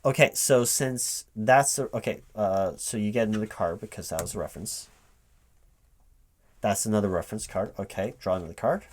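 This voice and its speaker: In a casual, one-sided ASMR roleplay delivered at full voice, a man on the lower side of the pitch range plays a recruiting manager interviewing a gamer. He speaks hesitantly to someone we never hear, seeming to reason things through aloud.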